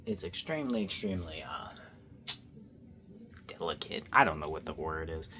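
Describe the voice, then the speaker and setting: A man's voice: rumbling low, lively intonation, normal speed, sharp tone. Rambling goofy young man sketching. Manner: rambling, self-mocking and goofy. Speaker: art vlogger. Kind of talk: casual drawing commentary.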